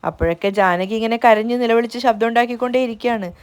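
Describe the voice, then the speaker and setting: Recap narrator: woman, quick and smooth, slightly high. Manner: brisk, breathless retelling. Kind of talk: fast storytelling recap.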